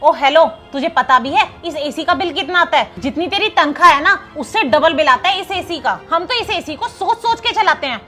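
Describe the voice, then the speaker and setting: A woman's voice: very high voice, expressive, moderate pace, few pauses, sharp tone, soft background music, heavily acted. A woman acting a bossy wealthy house mistress who scolds and taunts in a short drama skit. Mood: scolding. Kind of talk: scripted Hindi skit acting.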